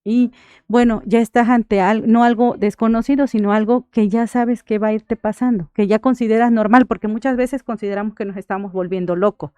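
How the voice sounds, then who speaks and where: A Mexican woman who works as a thanatologist gives earnest counsel during a radio interview, frequently checking in with "right?" Her slightly high voice holds a steady tone at a fairly quick pace, mellow and smooth, with no echo.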